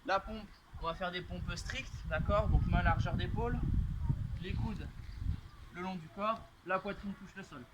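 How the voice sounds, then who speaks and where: A man with a high voice coaching a workout while doing the moves himself, his speech pushing louder on the effort. He keeps checking in with his listeners as he explains. Loud noise runs under the recording. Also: measured pace, muffled recording. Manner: talks while moving through exercises, loud bursts on effort; frequent "d'accord?" checks and fillers. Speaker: fitness coach. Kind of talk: workout instruction while demonstrating.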